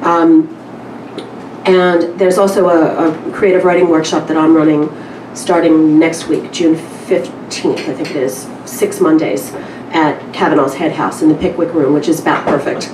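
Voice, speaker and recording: Deep-voiced and unhurried, with little pitch movement, a woman publisher gives an informal live talk and reads a story to a small audience at a literary event. She addresses the room candidly, wryly and conversationally. The recording is roomy, made from a distant mic with clear background noise.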